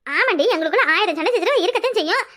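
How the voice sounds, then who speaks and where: A woman's voice: racing, full character voice. A woman with a southern Tamil Nadu accent voicing a loyal elder village sister who scolds firmly in a cartoon. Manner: firm, scolding, lower and steady. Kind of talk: cartoon voice acting.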